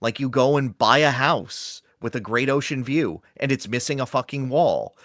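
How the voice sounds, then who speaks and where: A man co-hosting a podcast in casual gaming chat, animated and slipping into quick comic voices when quoting things. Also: mid-range voice, dry recording, clean studio sound. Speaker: podcast co-host.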